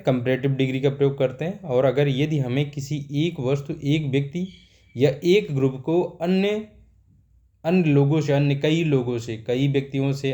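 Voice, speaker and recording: A man teaching a grammar lesson. His voice sits in a middle range with a dark, mellow tone. He repeats points and poses questions he then answers himself. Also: mid-range voice. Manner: repetitive, asks and answers himself.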